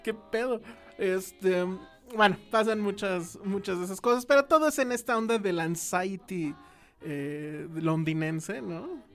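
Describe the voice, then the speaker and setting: A woman's voice: medium pitch, measured pace, faint music behind. A woman with a Mexican accent, hosting a casual film chat podcast, joking and slangy with frequent laughs. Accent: Mexican Spanish. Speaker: podcast host.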